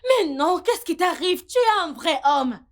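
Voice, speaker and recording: A high-voiced brazen seductress. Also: female voice, very animated, measured pace, exaggerated voice. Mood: defiant. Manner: taunting, mocking laughs. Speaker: character in a dubbed film. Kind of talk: dubbed film acting.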